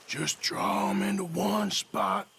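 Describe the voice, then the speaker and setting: Wry American outlaw gunman, gravelly and forceful, dry drawl, Western video game. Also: high voice, fairly even intonation, takes it slowly, heavily acted. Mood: calculating.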